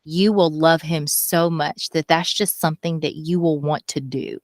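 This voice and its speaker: A woman in her thirties talks candidly as a podcast guest, earnest and lively. Her voice sits a little low, and she acts out the things people said to her. The recording is dry and close. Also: moderate pace, no room sound. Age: 30s. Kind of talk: candid conversational interview.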